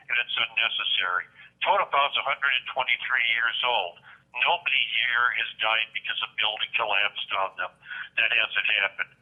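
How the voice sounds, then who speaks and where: A middle-aged man heard through a narrow, phone-like speakerphone line, at a medium pitch. He speaks earnestly and argumentatively, laying out his examples one after another with plenty of "uh" fillers. The sound is thin and boxy, like a voice coming through the phone into a meeting room. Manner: earnest and argumentative, builds a case point by point, frequent "uh" fillers. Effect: call-in voice over a phone line that sounds like speakerphone. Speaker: public commenter calling in. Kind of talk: public comment at a county meeting.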